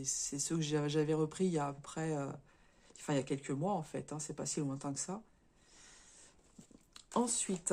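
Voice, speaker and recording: A woman with a cold talks through a casual show-and-tell vlog, her voice a little hoarse, stuffy and short of breath. She speaks haltingly, stumbling over words, restarting sentences and tagging them with little fillers. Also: low-pitched, a little mellow. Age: adult, married. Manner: chatty, tags sentences with "hein". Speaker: crafts vlogger.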